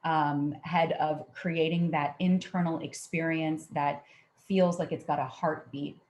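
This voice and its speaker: A woman's voice: low voice, a little mellow. Woman hosting a podcast interview. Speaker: podcast host.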